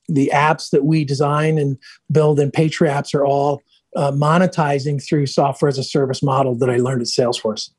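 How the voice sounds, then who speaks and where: A man's voice: a little high, darkish tone, no room sound. A middle-aged man, a guest in a casual interview, telling upbeat anecdotes about his business career with lots of restarts. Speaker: guest, software entrepreneur.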